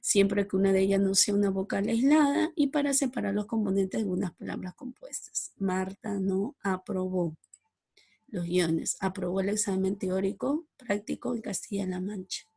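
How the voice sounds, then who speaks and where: A woman giving a recorded slide-presentation lesson, reading out rules and examples in a measured, explanatory way. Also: medium pitch, steady tone, gravelly, dark tone, slightly rough. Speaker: teacher.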